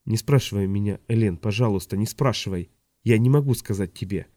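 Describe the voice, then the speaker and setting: A man reading an audiobook, voicing a worried ageing lord and retired soldier who speaks low, hushed and strained. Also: brisk, dry recording, close to an everyday voice. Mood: pleading.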